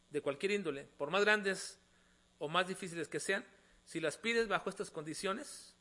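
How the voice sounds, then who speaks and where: A man preaching a sermon, calling his listeners brothers and moving between quiet explanation and emphatic appeals. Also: high-pitched. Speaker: pastor.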